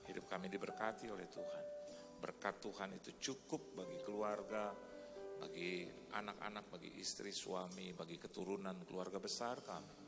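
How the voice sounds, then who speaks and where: A man preaching as a pastor, telling a story in animated sermon style and then leading a prayer. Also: low-pitched, moderate pace, vocal fry, loud music behind the voice. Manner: animated storytelling, shouting greetings in quoted voices. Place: large church hall. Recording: reverberant church hall, faint noise.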